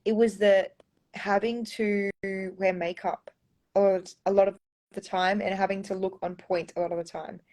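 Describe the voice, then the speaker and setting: A woman's voice: medium pitch, level tone, normal speed, a little mellow. A young Australian woman chatting casually on a phone livestream, reading out viewer comments and answering them with lots of ums and likes. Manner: chatty, reads viewer comments aloud, often says um and like. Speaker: pageant contestant answering fans. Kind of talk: casual live-stream Q&A.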